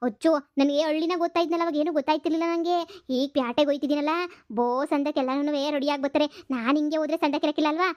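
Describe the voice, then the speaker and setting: A woman's voice: high voice, fairly even intonation, rapid-fire, dull audio, close to an everyday voice. A woman voicing a sulky, vain young wife from a village who has started college, whining and snapping in a cartoon comedy. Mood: wheedling. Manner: whiny, sulking, sharp-tongued.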